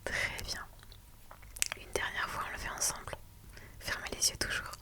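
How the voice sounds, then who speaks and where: Playing a comforting lawyer with a client, a woman delivers a slow, gentle ASMR whisper. Plenty of soothing "ok"s and "d'accord"s run through her speech.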